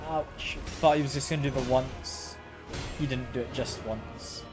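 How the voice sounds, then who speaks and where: Over game music, a man gives casual gameplay commentary in a steady, medium-pitched voice at a moderate pace. He sounds a bit sick and congested, and he tends to repeat words as he plays.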